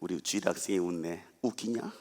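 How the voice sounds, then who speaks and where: A man's voice: deep voice, brisk. A male pastor giving a dramatic revival sermon who calls out to the congregation and acts out a blind man's cries. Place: large church hall. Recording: long church hall reverb.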